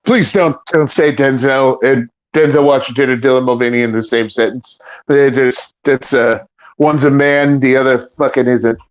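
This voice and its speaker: A man with a mid-range voice and fairly even intonation chats casually as a livestream guest. He stammers, repeats words, and laughs quickly, all captured in dry, dull lo-fi audio with no echo.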